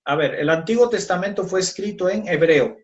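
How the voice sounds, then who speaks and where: A man's voice: high voice, highs cut off. A man teaching a Bible class on Christology, who keeps checking in with his students by asking "¿ya?" and "¿no?". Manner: slow, checks in with "¿ya?" and "¿no?".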